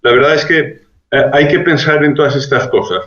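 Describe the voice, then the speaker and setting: A man being interviewed as a public health expert, giving measured, reasoned answers with frequent restarts. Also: medium pitch, a bit bright. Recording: roomy, dull lo-fi sound.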